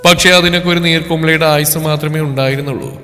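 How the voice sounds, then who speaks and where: Even-voiced male storyteller. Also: a little high, fast talker. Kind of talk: scripted story narration. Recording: long reverb with background music.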